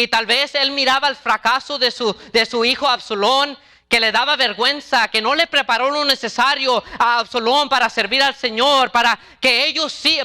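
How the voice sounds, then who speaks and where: Male preacher, sermon, impassioned, repeats words, high voice, very bright tone. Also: clean tone. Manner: impassioned, tags lines with "¿verdad?".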